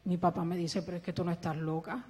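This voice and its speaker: A woman's voice: lowish voice, flat delivery, fast talker, dark tone, breathy edge. Woman giving a testimony in an echoing church. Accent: Puerto Rican Spanish. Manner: earnest storytelling, acting out dialogue. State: breathing with a ventilator. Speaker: testimony speaker. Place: church hall. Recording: long echo of a church hall.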